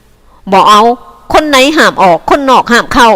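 A gruff cattle-caravan boss barks out short orders in a storybook reading, as a woman narrator puts him on. His voice sits higher and louder than her plain narration. He is blunt and in command. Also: animated, a little slow, big-room sound. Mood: curt. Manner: loud, ringing, clipped orders.

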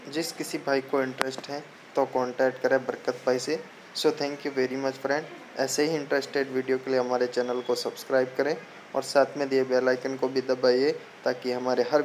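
A man from India, hosting his channel and giving a repetitive sales pitch for a goat farm. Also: little pitch movement, moderate pace, darkish tone, slight background noise, poor audio. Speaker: channel host. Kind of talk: promotional farm video narration.

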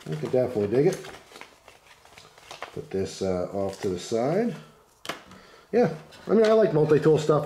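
A man with a hoarse, congested voice from the flu, casually reviewing gear in a laid-back, chatty way. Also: medium pitch, mellow, a little hiss or hum. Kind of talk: casual unscripted product commentary. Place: indoors at a wooden table.

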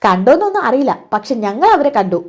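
A doting older mother coaxes and pleads with her daughter, as a woman storyteller voices her. The voice is fairly high and the talk runs fast. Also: big pitch swings. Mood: pleading. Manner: coaxing, affectionate.

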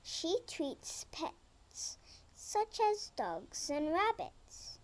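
A young girl with a high, lively voice reads a children's picture book aloud very slowly and carefully. Now and then she stumbles on a word and starts it over.

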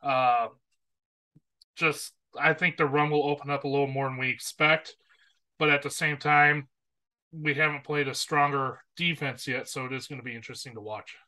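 Very bright-voiced man giving football takes. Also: mid-range voice, fairly even intonation, moderate pace, low-quality recording. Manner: earnest and opinionated, quoting stats. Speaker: sports podcast co-host. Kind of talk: casual sports talk.

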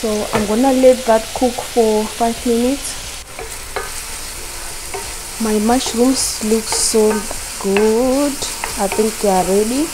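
A young woman calmly narrating a casual cook-along, explaining each step to her viewers from her home kitchen. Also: on the high side, takes it slowly, pauses often, noisy background. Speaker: cooking vlogger. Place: home kitchen while cooking. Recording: loud frying sizzle behind voice.

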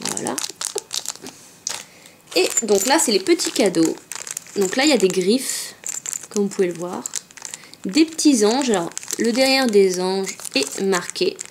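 A woman's voice: medium pitch, a little mellow, slight background noise. A woman vlogger chatting casually as she unboxes craft supplies at home, often saying euh and hop. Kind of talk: casual unboxing show-and-tell.

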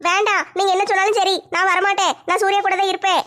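A woman's voice: very high-pitched, flat delivery, fast, sharp tone. A woman playing a stubborn young wife. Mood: refusing. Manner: pleading, whiny protests. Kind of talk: family comedy skit.

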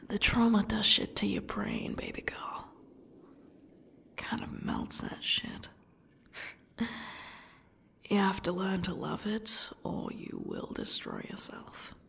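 A woman playing a smug, sadistic yandere stalker in a breathy ASMR role-play, talking to her captive in a taunting, condescending way. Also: mid-range voice, lively intonation, a little hiss or hum. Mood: wry, bitter. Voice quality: breathy, husky, dropping into speaks softly. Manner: slow, taunting, condescending, faux-gracious.

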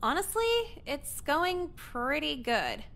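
An actress voicing an apathetic, sarcastic teenage girl in a video game, deadpan and crude. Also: high-pitched, slow, vocal fry, exaggerated voice.

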